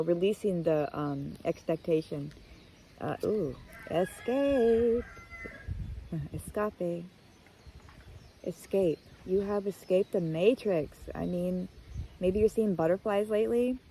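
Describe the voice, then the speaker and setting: A woman's voice: fairly low pitch, dark tone, slight background noise, rough recording. A woman giving a casual, heartfelt tarot card reading, rambling and emotional as she talks to viewers. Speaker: tarot reader.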